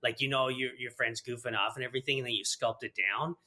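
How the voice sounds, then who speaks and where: A man's voice: medium pitch, fairly even intonation, fast, bright, forceful tone. A man hosting a podcast, chatting casually and rambling, with frequent laughter. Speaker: podcast host. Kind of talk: casual interview chat.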